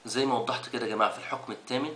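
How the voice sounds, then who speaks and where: A man teaching Quran recitation rules, rushing through recaps and stretching out the recited verses slowly. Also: mid-range voice, fairly even intonation, pushed and bright, roomy sound, slight background noise. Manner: quick recaps broken by slow drawn-out recitation of verses. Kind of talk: tajweed lesson recap.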